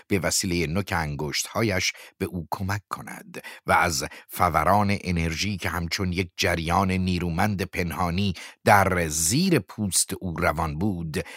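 A man narrating a novel as an audiobook, measured and often dropping to a hushed whisper. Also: deep voice, no room sound, clean studio sound.

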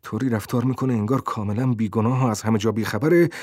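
A nervous, hunted man muttering his fears to himself, as a male narrator voices him. The voice sits low and turns quiet and tense as he worries. The sound is dry and close. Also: steady tone, no room sound, lightly acted. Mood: anxious.

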